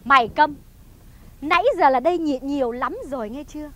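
An actress playing a sharp-tongued wife in a stage comedy sketch, with a Northern Vietnamese accent and a scolding manner. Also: female voice, a little fast, lightly acted. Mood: furious. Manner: scolding, shrill tirades.

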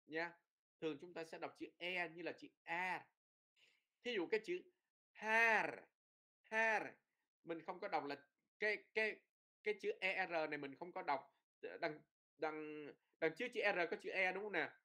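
A man's voice: high voice, moderate pace, sharp tone. A man teaching a pronunciation lesson, explaining rules and repeating drill words with frequent tag words. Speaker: Norwegian language teacher.

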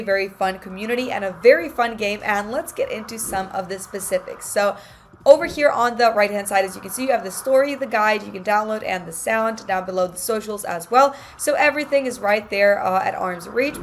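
A woman's voice: mid-range voice, slight background noise. A woman hosting her channel, giving an enthusiastic, promotional review of a game while reading its website text aloud with fillers.

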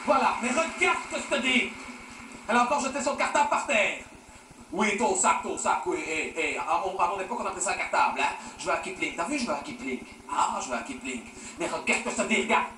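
A man's voice: high-pitched, sharp tone. A man doing a nagging dad. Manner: nagging, sarcastic, repeats himself with "hein". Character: exasperated nagging middle-aged father scolding his teen daughter. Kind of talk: stand-up character sketch. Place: theatre stage. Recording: roomy stage sound from far off, faint noise.

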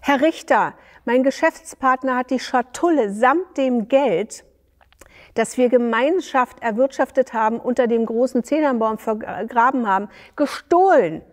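A woman voicing a sly, deceitful male merchant who shouts his accusations, in a reverberant hall. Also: a little high, measured pace, voice pushed up, lightly acted. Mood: sanctimonious.

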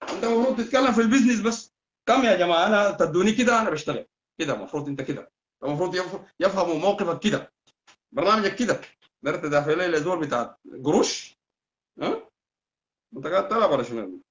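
This Sudanese-accented man's voice sits high and animated as he runs a political live stream. His delivery is quick, heated and repetitive, full of insults, captured in dull lo-fi audio.

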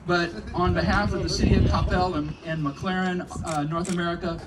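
Texan mayor, folksy ceremony speech, mic set back from him, noisy room, voice a bit high. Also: male voice, little pitch movement. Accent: Texas. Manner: folksy, halting, with restarts. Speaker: city mayor. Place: event at a corporate headquarters. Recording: distant mic with clear background noise.

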